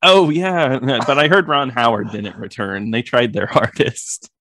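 A man's voice: medium pitch, lively intonation, a little slow, bright, forceful tone, no room sound. A man co-hosting a film podcast in casual chat, laughing often and bantering with his partner. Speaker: podcast co-host.

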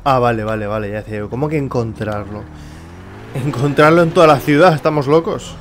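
A man's voice: medium pitch, a little fast, slight background noise. A young man with a Spanish accent giving casual gameplay commentary, swearing and grumbling at the characters on screen. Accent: Spain Spanish. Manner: exasperated, swears often, talks to game characters. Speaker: gameplay streamer. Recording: faint background music and game car sounds.

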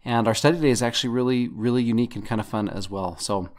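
A man's voice: medium pitch, fast talker. A man in his thirties co-hosting a casual scripture podcast with his wife, playful and at times putting on a mock radio-announcer voice. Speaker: podcast co-host.

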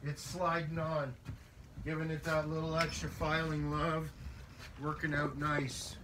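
Man in his 50s, DIY work-along chatter, loud shop noise under the voice. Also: fairly high pitch, completely flat delivery, unhurried. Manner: chatty, mutters to himself while working. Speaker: DIY sled restorer. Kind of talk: casual work-along narration. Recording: loud workshop noise behind voice.

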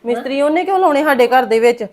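A woman's voice: high-pitched, expressive, fast, darkish tone. A woman with a Punjabi accent playing a blunt homeowner in a short film, firing off probing questions.

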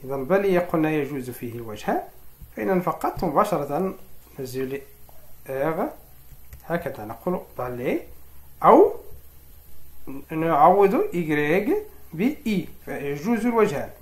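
A man teaching a French grammar lesson, explaining verb rules step by step and spelling out forms slowly. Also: fairly high pitch, sing-song, reverberant.

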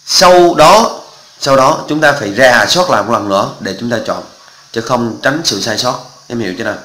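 A man's voice: medium pitch, brisk, bright, forceful tone, reverberant, low-quality recording. A male math teacher, walking through exam answers step by step and often checking that students follow. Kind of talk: exam walkthrough lesson.

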